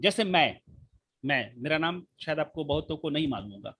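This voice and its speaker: A man teaching a physics class online, explaining slowly with many repetitions and rhetorical questions, speaking with the mic held right at his mouth. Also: a little high, expressive, sharp tone, a little hiss or hum. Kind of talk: live online class lecture.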